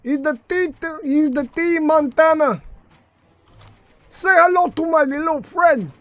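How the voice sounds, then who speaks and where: A squealing, drawn-out gangster parody, pitched far above a normal male voice, as a man puts it on. It crawls along at a lazy, stretched pace and sounds deliberately silly. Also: dry recording. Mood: mocking. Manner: drawn-out, mocking impression.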